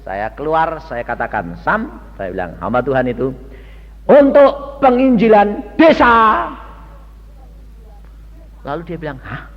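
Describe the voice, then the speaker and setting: Older male preacher, lively storytelling sermon. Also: a little high, slow pace, pauses often. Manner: folksy storytelling, acts out dialogue and quizzes the congregation. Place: church hall. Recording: lo-fi recording in a reverberant church hall.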